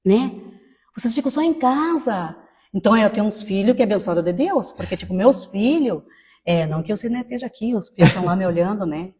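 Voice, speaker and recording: A woman in her fifties giving a personal testimony in a conversational way, tagging many phrases with quick questions. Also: medium pitch, expressive, a little mellow, big-room sound. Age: 50s. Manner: conversational, tag questions after most phrases. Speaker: testimony speaker.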